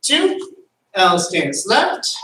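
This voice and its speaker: Aerobics-style instructor counting out, bright and echoey. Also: mid-range voice, huge pitch swings, extremely slow. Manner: clipped commands and loud rhythmic counts to a group. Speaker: exercise instructor leading drills. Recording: echoey room, distant microphone.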